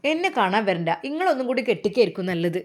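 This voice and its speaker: A woman voicing a proud, sulky young woman who answers curtly and defiantly in a high voice. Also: sing-song, very fast, lightly acted.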